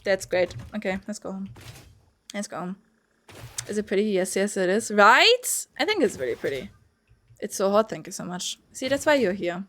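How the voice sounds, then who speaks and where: A woman's voice: medium pitch, sing-song, normal speed, a bit bright. A young woman streaming a game, rambling and swearing freely as she chats with her viewers. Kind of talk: casual gameplay commentary. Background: faint music.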